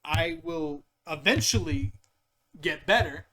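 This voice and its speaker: A young man co-hosting a podcast, talking reflectively with halting restarts and joking in casual chat. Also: on the high side, bright, forceful tone. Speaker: podcast co-host.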